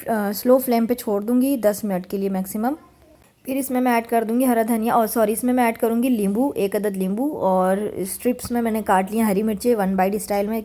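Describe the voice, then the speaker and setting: A woman's voice: medium pitch, mellow. Woman in her thirties, cooking vlogger voice-over, chatty and homely, mixes in English words. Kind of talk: casual voice-over narration. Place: home kitchen.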